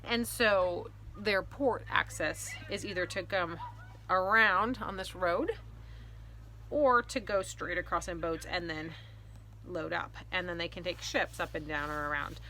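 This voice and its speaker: Her voice is lowish and sharp in tone, and she takes her time. She is a fantasy author in her thirties or forties hosting her own video, casually and expressively explaining things to viewers, with faint ambient noise around her.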